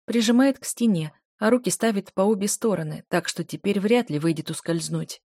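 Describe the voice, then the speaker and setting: A woman's voice: medium pitch, fairly quick, mellow, no room sound, clean studio sound. A woman narrating a first-person romance audiobook in an emotive reading style.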